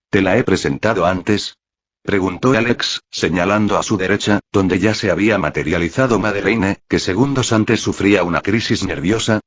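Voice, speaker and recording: In a husky, low voice, a man narrates a scripted story, delivering the dialogue in his own narrating voice the way an audiobook reader would. The sound is dull, muffled, roomy and lo-fi.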